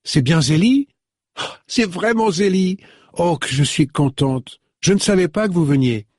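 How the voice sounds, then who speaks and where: Audiobook casting: a man playing a young woman, eager and emotional, raised husky voice, close dry sound. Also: mid-range voice, moderate pace, a little mellow, no echo, natural voice. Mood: overjoyed.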